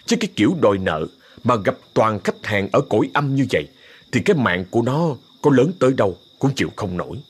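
A man tells a ghost story, his husky voice rising and falling with lively expression. The narration is scripted and vivid. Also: medium pitch, fairly quick.

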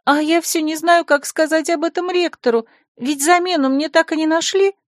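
A woman voicing a spoiled, tearful young female secretary who stammers and whines in a squeaky voice. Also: moderate pace, no echo, clean studio sound. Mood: whiny.

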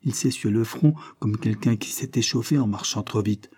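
A man's voice: lowish voice, normal speed, warm tone, breathy edge. A man reading the part of a shaken young man on the run, who speaks urgently and insistently. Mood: agitated, insistent.

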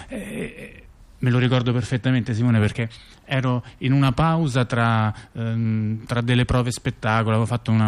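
In a two-person radio theatre dialogue, a man lightly acts a reflective intellectual recalling political events. His medium-pitched voice halts, repeats words and restarts as he conversationally recounts events and memories.

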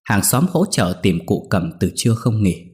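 Low-voiced male storyteller. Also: normal speed. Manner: lively storytelling. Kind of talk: audio story narration. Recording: faint background music.

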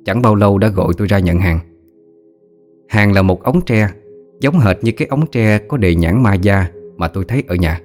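Low-voiced male storyteller. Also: expressive, moderate pace, darkish tone, faint music behind. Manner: vivid, descriptive storytelling. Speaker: narrator. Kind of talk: first-person story narration.

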